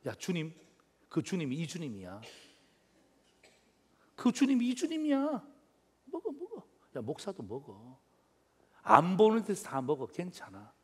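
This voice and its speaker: A man voicing a scornful worldly man who mocks churchgoers and coaxes others to drink, in a lowered voice. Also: huge pitch swings, a little slow, pauses often, husky, full character voice. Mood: scornful coaxing. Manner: coaxing, sneering, lowered voice. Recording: reverberant church hall, faint music.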